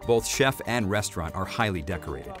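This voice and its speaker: A male narrator delivers a scripted introduction in a lowish voice with a lively, rising and falling pitch. Clear music plays beneath the voice-over. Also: brisk.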